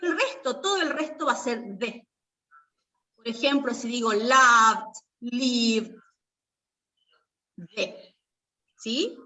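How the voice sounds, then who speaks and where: Woman teacher, high voice, unhurried, sounds far from the mic. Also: very animated. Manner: patient, repeats checks like "¿sí?" and "¿está?". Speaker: English teacher. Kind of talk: online class explanation.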